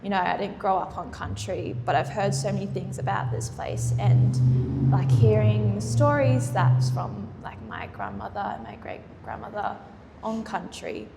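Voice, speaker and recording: An Australian woman, a guest artist at a gallery panel, speaks casually and hesitantly with lots of fillers during a public panel conversation. Her mid-range voice is unhurried and creaky. The gallery event space gives the recording a roomy hall reverb with faint noise.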